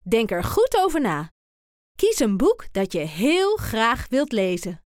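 A woman's voice: on the high side, wildly swooping pitch, takes it slowly, no echo, studio quality, full character voice. A woman reading a children's story voices a friendly male schoolteacher who speaks in a kindly, encouraging way.

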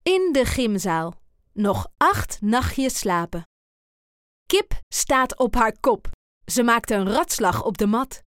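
A woman reading a children's picture book aloud in an expressive, deliberate way. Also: on the high side, no echo, studio quality. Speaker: storyteller.

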